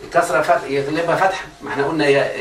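With a fairly high, fairly even voice, a man with an Egyptian Arabic accent fires off a religious grammar lesson at a rapid clip, constantly asking students if they understand. Crowd noise sits in the background, and the recording is echoey, far-miked and faintly noisy.

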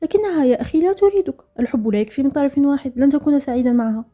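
A woman's voice: high voice, rapid-fire, voice pushed up, lightly acted. A woman voicing a frank young woman scolding her brother in a storybook narration, reproachful and sarcastic. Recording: dull lo-fi audio with faint music.

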